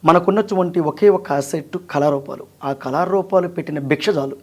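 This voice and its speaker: A man from Andhra Pradesh, a mimicry artist and actor, talking earnestly and emphatically as an interview guest. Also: on the high side. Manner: earnest, emphatic, sings in a slow drawn-out voice. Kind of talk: interview conversation.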